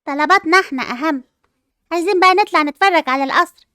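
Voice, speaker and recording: A woman's voice: extremely high pitch, racing, pushed and bright, no echo, clean studio sound. A woman with an Egyptian accent voicing a spoiled, jealous and vengeful schoolgirl who talks in a whiny, defiant way. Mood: spiteful. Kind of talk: amateur role-play dub.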